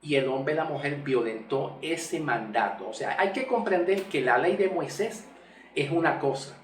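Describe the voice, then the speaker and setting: A man teaching scripture slowly at a whiteboard, repeating and spelling out key words. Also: on the high side, lively intonation, slight background noise. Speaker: Bible teacher. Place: room with a whiteboard. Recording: echoey room, mic far off.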